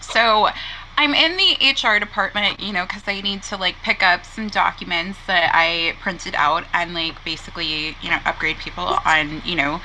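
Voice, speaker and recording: Bright-voiced chatty woman host. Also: mid-range voice, a little hiss or hum, low-quality recording. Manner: rambling, heavy on "like" and "you know". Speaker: podcast host. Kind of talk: casual storytelling chat.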